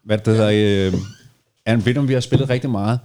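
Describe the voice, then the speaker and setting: A man's voice: medium pitch, fairly even intonation, a little mellow. A man, a band musician, talking at length in a casual conversation.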